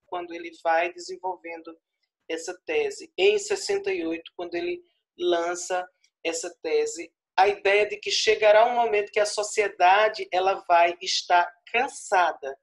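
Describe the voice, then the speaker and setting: A man in his forties with a northeastern Brazilian accent from Paraíba gives an online lecture as a guest, speaking through an earphone headset on a video call from a small room at home. His voice is high-pitched with vocal fry, and his expansive delivery stretches key words slowly and tags points with "certo?".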